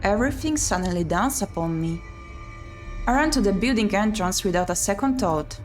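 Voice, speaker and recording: A woman streamer reads a visual novel aloud and chats casually about it as she plays through. Her mid-range voice is expressive and moderately paced, with faint music behind her and clearly audible background noise.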